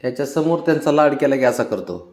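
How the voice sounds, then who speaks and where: A man coaxing his pet cat in soothing baby talk, often dropping to soft murmurs. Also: medium pitch, lively intonation, fast talker. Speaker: cat owner vlogger.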